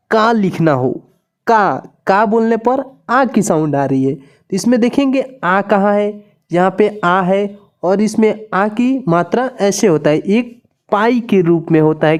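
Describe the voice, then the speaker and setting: Slow, patient woman teaching a lesson. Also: mid-range voice, warm tone. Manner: patient, repeats each point with "friends" and questions.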